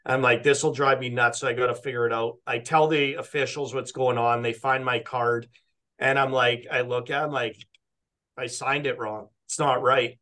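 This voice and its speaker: A young man from Canada, a podcast guest, telling a rambling, animated story in casual chat and often quoting himself. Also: mid-range voice, normal speed. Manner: rambling, animated retelling with quoted self-talk and frequent "like".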